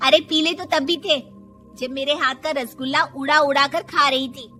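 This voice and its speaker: A cheeky young cartoon bride with a high, bright voice, played by a woman. She swings widely in pitch and throws back sassy, mocking retorts. Faint music plays behind her. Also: fairly even intonation. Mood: indignant. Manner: sassy, mocking, quick comebacks. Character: cheeky young bride with yellow teeth, brash. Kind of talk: cartoon voice acting.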